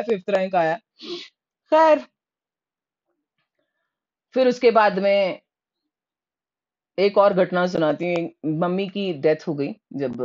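A woman from Rajasthan telling her own childhood memories in a lively, animated way, slipping English words into her speech. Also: low-pitched, muffled recording. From Rajasthan, India. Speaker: storyteller. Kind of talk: personal storytelling.

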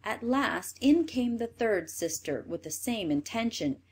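A woman reading a fairy tale aloud in an expressive storybook manner. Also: a little high, measured pace, husky.

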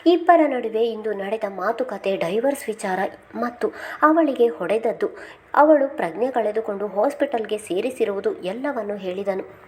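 A woman's voice: mid-range voice, expressive, normal speed, darkish tone, a little hiss or hum. A woman reading a family novel aloud as a storyteller, voicing every character's lines herself. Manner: reads every character's lines herself, lifting her voice on anxious questions. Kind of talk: scripted narration of a family novel.

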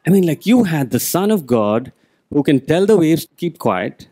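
A man's voice: fairly high pitch, normal speed, husky. A man, a pastor, preaching a conversational sermon and acting out the quotes he reads. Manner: conversational preaching, animated quoting.

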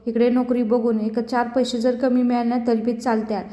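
A woman's voice: fairly high pitch, flat delivery, brisk, mellow, natural voice. A woman voicing a stern middle-aged mother who firmly scolds her son, recorded in an echoey room. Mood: scolding. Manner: scolding, firm.

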